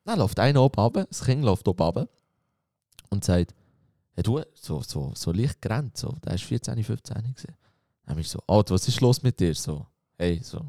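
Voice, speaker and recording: A man tells friends a story in a casual chat. His voice sits low and dark, and the room is dry. He acts out the people in the story with their own voices. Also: fairly quick, no room sound. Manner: animated storytelling, acting out quoted voices. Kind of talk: casual anecdote.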